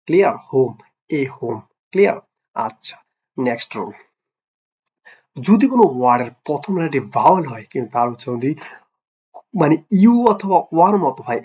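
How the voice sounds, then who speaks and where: A man of middle pitch teaches a grammar lesson, checking in with "clear?" after each example and quizzing his young pupils. He talks to them with a teasing, affectionate tone. The sound is slightly dull and lo-fi. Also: a little mellow. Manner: repeats "clear?" and quizzes the listener. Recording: dull lo-fi recording.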